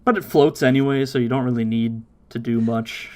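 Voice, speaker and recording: A man hosts a relaxed podcast and recaps episodes with lively energy. His voice sits at an ordinary middle pitch. He keeps breaking into quick character impressions. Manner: animated, mimics characters' voices while recapping. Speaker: podcast host.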